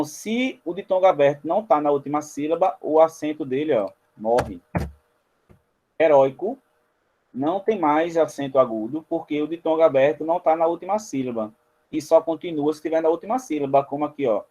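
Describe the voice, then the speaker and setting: Male teacher, higher-pitched but mellow tone, patient board explanations, slightly dull lo-fi recording. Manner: explains step by step, often pointing things out to viewers. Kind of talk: spelling lesson at a whiteboard.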